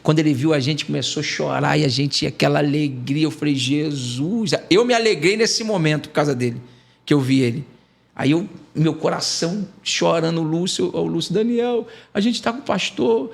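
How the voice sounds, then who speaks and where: Animated Brazilian man telling his testimony. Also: a little high, moderate pace, vocal fry. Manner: animated storytelling, acting out quoted dialogue. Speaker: evangelist guest. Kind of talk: emotional testimony in a podcast interview.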